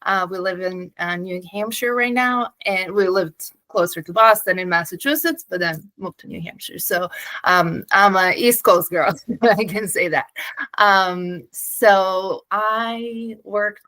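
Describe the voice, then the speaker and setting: A woman in her thirties with a Serbian accent tells her story as a guest in a relaxed interview, sounding lively, laughing a lot and pausing on fillers. Her pitch is medium, and the rough recording has no room sound.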